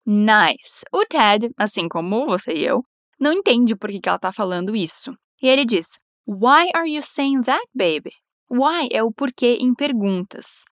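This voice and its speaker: A Brazilian woman teaching English phrases to Portuguese speakers, repeating lines slowly and then explaining them quickly and encouragingly. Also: fairly high pitch, lively intonation, dry recording, clean studio sound.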